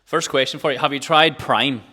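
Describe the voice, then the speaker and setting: A man with a bright, sharp-edged voice, heard with long reverb. He chats casually as a podcast co-host. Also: mid-range voice, fairly even intonation, fairly quick. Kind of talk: casual banter and product chat. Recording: reverberant, hall-like room echo.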